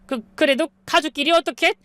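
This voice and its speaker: A woman's voice: high voice, fairly even intonation, brisk, no room sound, voice pushed up. A woman voicing a harsh, scolding older mother-in-law in a storybook drama. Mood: flustered. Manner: shouting, accusing.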